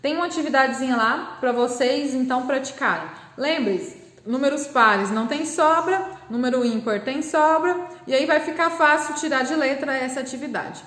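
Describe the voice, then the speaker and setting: A Brazilian woman teaching a primary school class, patiently explaining and drawing out syllables slowly. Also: high-pitched, a bit bright, reverberant. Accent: Brazilian Portuguese. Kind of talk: recorded remote class lesson.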